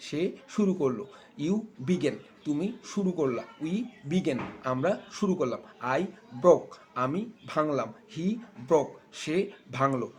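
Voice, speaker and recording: A man teaching an English tense lesson, slowly and deliberately repeating verb forms for the learners. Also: a little high, a little hiss or hum. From Bangladesh. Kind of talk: spoken English lesson with drill repetition.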